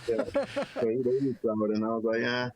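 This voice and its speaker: Over a loud crowd, a middle-aged Jamaican man and army veteran tells his story in a casual interview, speaking at normal speed in a medium-pitched voice. He's relaxed and rambles easily, using many "you know" fillers.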